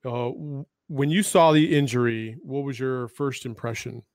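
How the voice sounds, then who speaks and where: A man hosting a casual sports podcast, chatty and relaxed with frequent fillers and restarts. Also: mid-range voice, normal speed, dry recording, studio quality. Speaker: podcast host.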